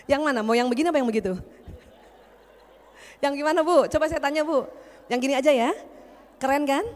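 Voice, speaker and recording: A woman doctor leads a humorous seminar for a women's religious group. She teases the listeners and quizzes them in a slightly high voice. Her words ring out with a long reverb in a large hall. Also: darkish tone. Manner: playful, teasing, quizzes the audience.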